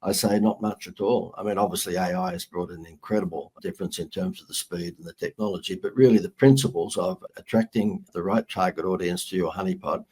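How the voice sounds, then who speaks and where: A man's voice: low voice, fairly quick, few pauses, a little mellow, husky. A middle-aged man with an Australian accent, a marketing guest telling brash, joking stories in a casual interview.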